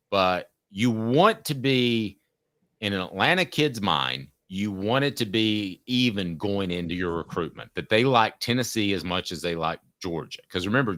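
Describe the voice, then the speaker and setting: Deep, bright-toned male sports host. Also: no echo, clean studio sound. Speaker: sports talk show host. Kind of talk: casual sports talk.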